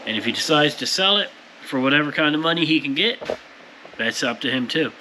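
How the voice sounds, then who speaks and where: Brisk and expressive, this fairly high-pitched, pushed and bright voice belongs to a plain-spoken powder coater presenting his shop's work. He gives viewers a casual, explanatory hands-on narration in his workshop. The recording is low quality, with shop noise clearly in the background.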